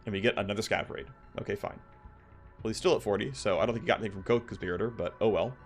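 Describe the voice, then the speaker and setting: Over soft background music, a gaming video host with a lowish voice gives offhand commentary on his playthrough. He talks very fast, thinking aloud as he plays.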